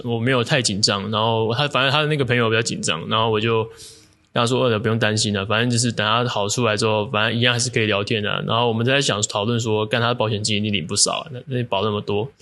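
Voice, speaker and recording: Fast-talking Taiwanese Mandarin man, joking. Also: fairly low pitch, a bit bright. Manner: joking and crude, loose rambling delivery with slang swearing. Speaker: fitness coach. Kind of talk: casual storytelling vlog.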